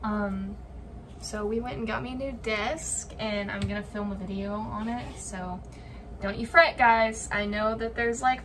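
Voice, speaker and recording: A woman's voice: on the high side, fairly bright tone, recorded from a distance, poor audio. A young woman chatting casually to viewers while she preps meals, rambling with lots of likes and ums. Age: young adult. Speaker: vlogger. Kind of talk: casual chat while cooking. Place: home kitchen, indoors. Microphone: camera on the counter. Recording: off-mic with clear room noise.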